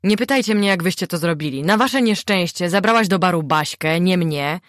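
A woman's voice: fairly low pitch, a little fast, dry recording, studio quality, natural voice. A woman voicing a bossy, impatient young female friend who gives orders and scolds. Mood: scolding. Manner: commanding, scolding.

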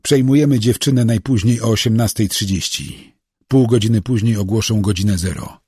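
A man's voice: lowish voice, moderate pace, warm tone, breathy edge, no room sound, studio quality. A man doing a smug, cocky kidnapper.

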